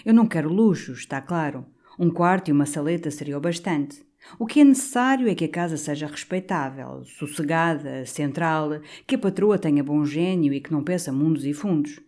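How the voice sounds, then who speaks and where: A woman voicing a polite young male priest, who makes his requests in a measured, earnest way. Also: fairly high pitch, expressive, a little mellow.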